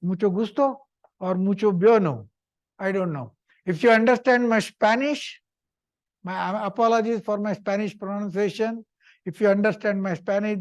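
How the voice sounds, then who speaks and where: High-pitched older man giving informal lecture. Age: middle-aged or older. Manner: chatty, repetitive, short simple phrases. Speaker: visiting professor giving a seminar talk.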